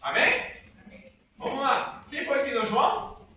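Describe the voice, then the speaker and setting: A man preaching an informal church sermon, animated and quizzing the congregation. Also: very high voice, slow. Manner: animated, asks the congregation questions, acts out quotes. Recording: echoey room from far off, faint noise.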